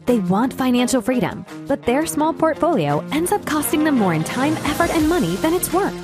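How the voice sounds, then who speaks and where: Woman announcer, very animated high voice, music bed underneath. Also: a little fast. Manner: punchy promo delivery. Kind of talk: scripted show intro. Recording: voice over music.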